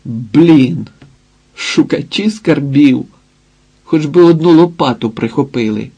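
A man's voice: on the high side, takes it slowly, gravelly, dark tone, slightly rough, lo-fi sound, exaggerated voice. A man reading an audiobook, voicing a sardonic, practical young man with a dry, ironic delivery. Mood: grumbling.

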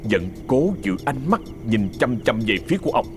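A man's voice: mid-range voice, sing-song, moderate pace, background noise. A man narrating a ghost story with a Southern Vietnamese accent, in a dramatic, suspenseful manner.

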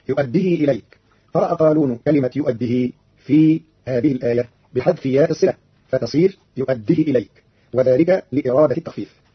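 Husky guy reading out a formal explanation pretty fast, chants the verse bits, dull lo-fi radio audio. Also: a little high. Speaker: radio presenter. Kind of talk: scripted explanation of reading variants.

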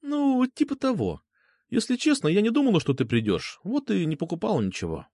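A man's voice: sits high, a little fast, husky, dry recording, studio quality, pitched above the performer's own voice, full character voice. A man reading an audiobook, voicing a playful, teasing young woman in a raised, light voice. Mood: earnest. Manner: teasing, lively. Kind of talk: audiobook character voice.

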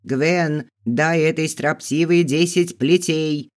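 Man voicing a shrill, furious madam. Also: fairly even intonation. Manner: shrill, drawn-out yelling. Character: stern furious female brothel madam, middle-aged.

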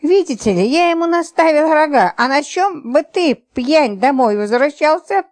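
A woman voicing a brash, quarrelsome wife who scolds and gossips loudly. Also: a little high, lively intonation, a little slow. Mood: scolding. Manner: brassy, scolding.

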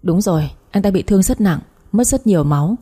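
A woman's voice: medium pitch, animated, a little fast, mellow, husky. A woman reading aloud, voicing a middle-aged man calling from a hospital in an urgent, businesslike way. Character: brisk male hospital caller, middle-aged.

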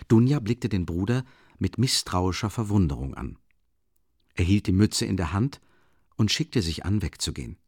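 A man narrating an audiobook with an expressive, measured literary reading on a close studio mic. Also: sits low, slightly rough, no echo. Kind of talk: scripted narration.

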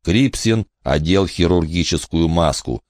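Deep-voiced male audiobook narrator. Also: no echo, studio quality. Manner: steady, measured reading.

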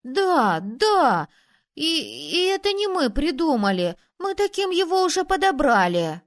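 A woman's voice: sits high, sing-song, a little slow, pitched above the performer's own voice. A woman voicing a cocky red-haired village boy who leads a small gang. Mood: defensive. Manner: bossy, blustering.

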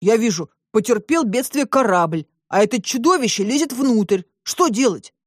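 A woman's voice: on the high side, moderate pace, slightly rough, no room sound, studio quality. A woman voicing an eager, boastful young boy in an audiobook. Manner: excited, boastful.

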